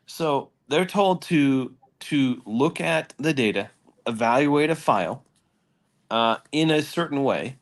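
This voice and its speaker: A man's voice: medium pitch, expressive, takes it slowly. A man hosting a casual industry panel discussion, hiccuping now and then.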